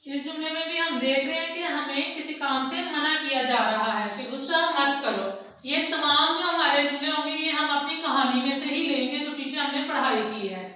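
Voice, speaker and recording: A woman teacher with a Pakistani Urdu accent, giving an online school lesson and slowly dictating words one at a time. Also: sits high, sharp tone. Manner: slow, dictating word by word. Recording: echoey room, voice from a distance.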